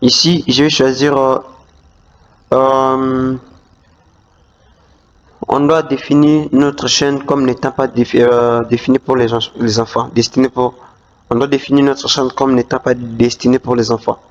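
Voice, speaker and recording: A man hosts a YouTube tutorial over a screen recording, speaking hesitantly with lots of fillers and restarts. His voice is medium in pitch, level in tone and measured in pace. The voice-over sounds dull and lo-fi.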